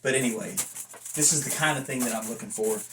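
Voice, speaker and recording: Quick-paced and fairly bright, this medium-pitched man rambles casually in a hobby review. Folksy, self-deprecating and now and then profane, he's recorded by a distant phone mic in noisy conditions.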